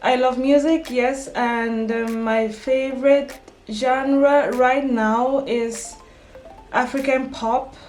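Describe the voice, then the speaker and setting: A woman's voice: high voice, fairly even intonation, slow, darkish tone. A young woman from Cameroon, chatting casually in a get-to-know-me vlog, full of ums and self-corrections. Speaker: vlogger. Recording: echoey room with background music.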